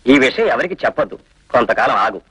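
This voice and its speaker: An actor playing a fatherly doctor calmly advising a young woman. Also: medium pitch, fast, husky, no echo, poor audio. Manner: calm, paternal advice. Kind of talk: Telugu film acting.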